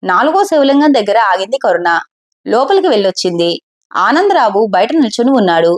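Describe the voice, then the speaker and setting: A woman storyteller narrating a scripted family story at a steady pace. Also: medium pitch, fairly quick.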